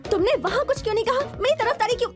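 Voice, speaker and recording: A woman's voice: extremely high pitch, very fast, soft background music. A young woman dubbing a proud, headstrong medical student who indignantly corrects people. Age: young adult. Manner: indignant, corrects her name sharply. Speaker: medical student, hero's love interest. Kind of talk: Hindi film dubbing.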